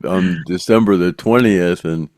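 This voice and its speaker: Seventy-something guy rambling through old stories, real low voice, dry close sound. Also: darkish tone, no room sound. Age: 70s. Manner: rambling storyteller, halting restarts, chuckles. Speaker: podcast host. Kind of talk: casual chat.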